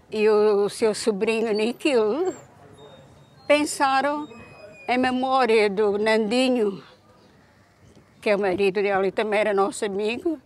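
Older woman, higher voice, warm proud interviewee.

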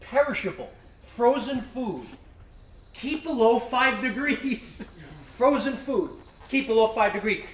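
A frazzled, rambling man, played by a stage actor in a live comedy, his voice pitched very high and swooping all over as he fumes. He sounds roomy and distant, picked up from across a theater stage with a faint hiss behind him. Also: big pitch swings, takes it slowly, exaggerated voice. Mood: baffled. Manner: exasperated, rambling, talking to himself. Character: flustered middle-aged man baffled by a giant meatball.

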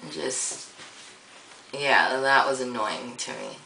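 A woman's voice: a bass voice, expressive, takes it slowly, gravelly, bright, forceful tone, reverberant, distant mic, slight background noise, poor audio. A young woman vlogging in a rambling, casual way, full of fillers and easy swearing, with a groggy morning voice. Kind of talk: casual vlog monologue.

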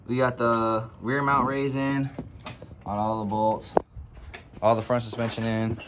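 A man's voice: medium pitch, flat delivery, measured pace. A young man talking casually about his car build, slangy and profane, with a noisy background behind him. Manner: slangy, profane, laid-back. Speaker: car vlogger. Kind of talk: casual vlog narration.

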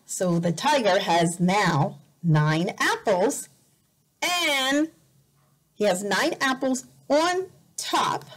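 Seated at a desk in an indoor room, a woman teacher reads a picture book aloud as a lesson for young learners. Her mid-range voice is deliberate and expressive, and she repeats words carefully.

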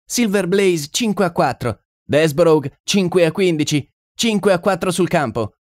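A man doing a booming bookmaker. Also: lively intonation, a little slow, no room sound, clean studio sound. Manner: shouting, booming. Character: loud male bookmaker calling odds.

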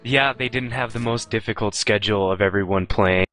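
Young man, low voice, esports co-caster, brisk, teasing, forceful tone, faint music behind. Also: poor audio. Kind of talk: live esports commentary.

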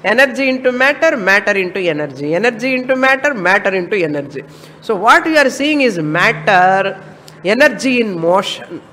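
A man's voice: sits high, big pitch swings, moderate pace, sharp tone. A man with a South Indian accent and Tamil as his first language, giving a religious discourse as a spiritual teacher, emphatic and repeating his phrases to drive them home. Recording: long hall reverb with background noise.

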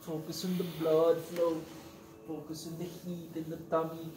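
A man's voice: a little high, completely flat delivery, normal speed, recorded from a distance, background noise. A man with a Filipino accent, talking casually as a coach and guiding breathing. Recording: echoey room with music behind.

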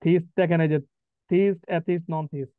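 A man's voice: fairly high pitch, fairly even intonation, no room sound. A man teaching an English vocabulary class, explaining words and quizzing his students. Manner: asks students questions, reads definitions slowly. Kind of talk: live class lecture mixing Bengali and English. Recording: tinny phone-like line.

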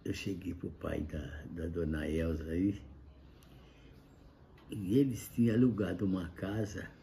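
Very old man, Brazilian, eighties. Slightly low, gravelly, halting storyteller in casual chat, noisy room. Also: fairly even intonation, warm tone. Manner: halting, repetitive, plain-spoken. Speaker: grandfather sharing life lessons. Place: indoor kitchen-like room, seated at a table. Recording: clearly noisy room ambience.

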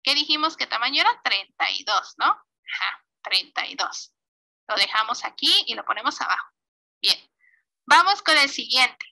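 A woman with a Mexican Spanish accent teaches an online computer class through a screen demonstration, patiently walking through each step and checking in often. Her voice sits high and sounds gravelly and sharp, expressive at a moderate pace.

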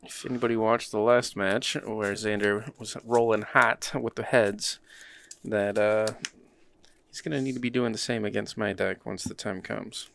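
A man's voice: fairly low pitch, fairly even intonation, normal speed, creaky, a bit bright, slight background noise. A man hosting and playing a card game, thinking aloud in an easygoing way. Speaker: card game player and channel host. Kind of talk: casual play-by-play while playing a card game.

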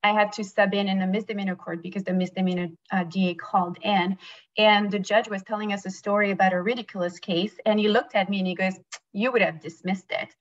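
A woman's voice: medium pitch, steady tone, fast talker. A woman in her forties from France, with a French accent and French as her first language, giving an earnest, emphatic campaign speech as a candidate over a video call. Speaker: judicial candidate and prosecutor. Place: indoors, small plain room. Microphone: webcam on a video call. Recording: dull lo-fi video call audio.

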